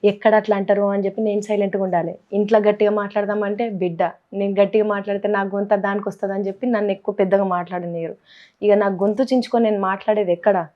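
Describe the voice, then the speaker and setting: A woman's voice: medium pitch, little pitch movement, fast talker. A young woman with a Telangana Telugu accent, chatting playfully in a casual vlog and mixing in English words. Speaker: vlogger. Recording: dull lo-fi sound.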